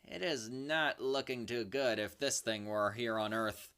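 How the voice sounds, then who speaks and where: A speaker presenting a countdown in a horror-host manner, with theatrically spooky asides and dramatic pauses. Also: medium pitch, a bit bright, clear, resonant tone. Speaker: host of a top-ten creature countdown video. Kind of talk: spoken countdown commentary, semi-improvised.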